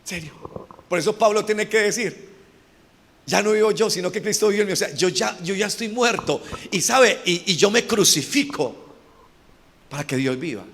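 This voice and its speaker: A man with a gravelly, somewhat high voice preaches a sermon, jumping from shouted peaks to hushed asides and asking the congregation to repeat his lines. His voice rings with long reverb in a church hall over a faint background hum. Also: lively intonation, normal speed. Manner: swings between loud shouted peaks and low quiet asides; asks the congregation questions and has them repeat lines. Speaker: pastor.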